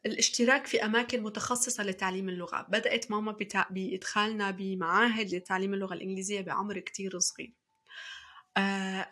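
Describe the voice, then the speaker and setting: A woman's voice: medium pitch, pushed and bright. A woman in her thirties with a Levantine Arabic accent, giving chatty parenting advice with many fillers and restarts. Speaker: parenting podcast host. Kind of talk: casual advice talk.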